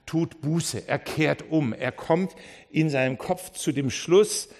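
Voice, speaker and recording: A male pastor delivers a sermon with a voice pitched a little above the usual for a man. He tells the story with animation, slipping into the characters' parts and restarting his sentences along the way. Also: slow, gravelly. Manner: lively storytelling that acts out the characters; frequent restarts and repeated words.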